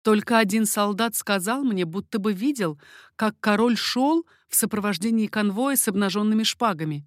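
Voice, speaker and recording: A woman's voice: medium pitch, normal speed, dry recording, studio quality, lightly acted. A woman voicing an anxious young baroness in an audiobook, pleading urgently.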